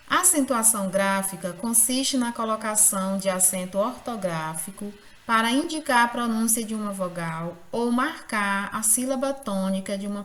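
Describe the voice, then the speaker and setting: A woman's voice: fairly high pitch, fairly bright tone, reverberant, a little hiss or hum. A woman teacher giving a grammar lesson, speaking carefully and stressing syllables.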